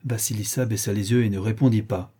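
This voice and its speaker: Mellow, husky male audiobook narrator. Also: on the low side, steady tone, fast.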